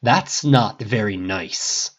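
A man's voice: on the high side, sing-song, a little fast, breathy edge, pitched above the performer's own voice, exaggerated voice. A man doing a snarky, cocky billionaire. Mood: snarky, irritated. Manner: sarcastic, clipped. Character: sharp-tongued cocky male billionaire, impatient and snarky. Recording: dull lo-fi recording.

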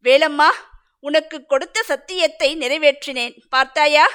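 A woman's voice: sits high, normal speed, a bit bright. A woman voicing a brave village warrior with a broken leg, speaking earnestly to his wife in a told story. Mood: tender. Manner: earnest, pleading.

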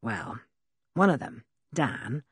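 A woman voicing an old male village blacksmith who tells a story slowly and in a rustic way, with a husky voice. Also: rumbling low, lively intonation, dry recording, studio quality, voice pushed down, exaggerated voice. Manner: slow, drawn-out, rustic storytelling. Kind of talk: audiobook character reading.

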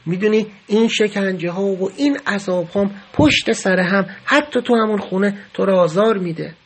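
Male memoir narrator, first person, earnest and grave, husky tone. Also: sits high. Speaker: podcast narrator.

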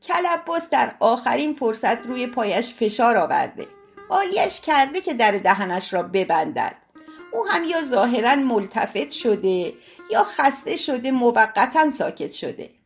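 Woman reading a novel out loud, lively voice with some gravel, soft guitar behind. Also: on the high side. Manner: expressive literary reading. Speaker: audiobook reader. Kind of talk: scripted narration.

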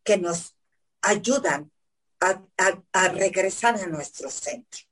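A woman psychotherapist, explaining calmly step by step in an interview, often asking herself questions. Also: mid-range voice, slow pace, low-quality recording. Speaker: psychotherapist guest.

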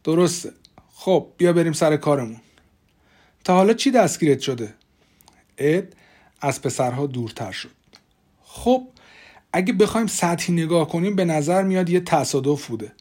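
A man voicing a calm, methodical small-town sheriff in an audiobook, matter-of-fact in his speech. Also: fairly high pitch, pauses often, voice pushed up.

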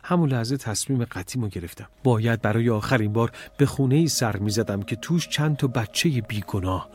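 A man reading a dark fantasy story aloud in the first person, calm and measured. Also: medium pitch. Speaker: audiobook narrator.

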